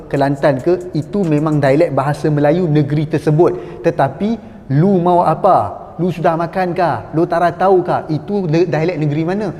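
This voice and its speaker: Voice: medium pitch, warm tone, in a large hall. A speaker from Malaysia with a Malaysian Malay accent, giving an earnest, emphatic opinion monologue in a lecturing tone. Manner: lecturing, emphatic, slips into mock voices for examples. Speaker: commentator in a clip.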